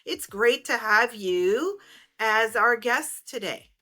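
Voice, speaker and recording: A middle-aged woman hosting a podcast interview, speaking in a measured, reflective way. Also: fairly high pitch, animated, bright, forceful tone, faint music behind. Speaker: podcast host.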